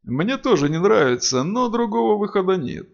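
A man reading an audiobook, voicing a stern, commanding male emperor in a firm, resolute way, with a gravelly tone on a lo-fi recording. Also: high voice, big pitch swings, normal speed, voice pushed up, full character voice.

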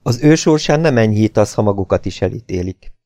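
A man's voice: lowish voice, lively intonation, warm tone, no echo. A man voicing a grave, sorrowful man in an audiobook, speaking hesitantly and in a subdued way. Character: grave middle-aged man, reluctant and sorrowful.

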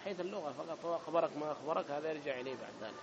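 Here a male grammar instructor talks rapid-fire in a fairly high pitch, repeating himself and repeatedly making sure students follow his Arabic lesson. Crowd noise sits under dull-sounding audio.

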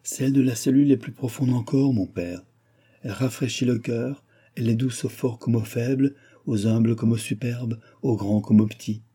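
A man's voice: mid-range voice, normal speed, mellow, breathy edge, natural voice. A man reading the lines of a devout young princess in an audiobook, earnest and solemn. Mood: serene.

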